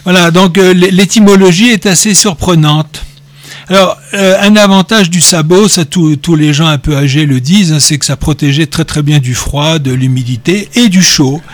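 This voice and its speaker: A man's voice: fairly high pitch, moderate pace, dry recording. A man giving an informal talk on word origins, digressive and joking, with many hesitations and repeated words. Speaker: speaker explaining word origins.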